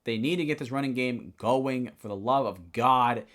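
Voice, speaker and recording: A young man talks through the week's football games on his own show, loose and opinionated. He wanders off track, stumbles, and corrects himself as he goes, at a middling pitch. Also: moderate pace, fairly bright tone. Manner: rambling, self-correcting, opinionated. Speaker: sports podcast host. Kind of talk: casual solo football recap.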